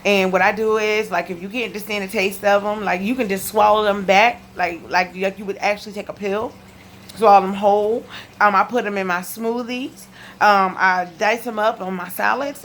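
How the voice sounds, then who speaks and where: A woman with a lisp speaks in a medium-pitched, steady, somewhat bright voice at a moderate pace, with slight background noise. Talking directly to the camera in her living room, the video blogger delivers a casual yet emphatic health testimony and keeps returning to her key points.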